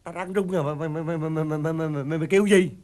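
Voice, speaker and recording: An actor playing a jittery, henpecked husband in a stage comedy, stammering in panic. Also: male voice, high voice, expressive, normal speed, slight background noise. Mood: panicky. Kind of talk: stage comedy skit acting. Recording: loud backing music on stage.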